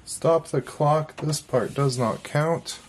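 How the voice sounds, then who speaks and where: A man giving a casual hardware review, chatty and quick to laugh at himself, heard through low quality audio from farther off the mic. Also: slight background noise. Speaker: tech reviewer.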